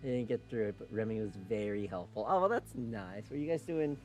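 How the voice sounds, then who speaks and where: An excitable man chats casually while he streams a game, his voice leaping up and down in pitch. He swears now and then without losing his easy tone. Faint game music plays softly underneath. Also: a little fast. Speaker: streamer and host.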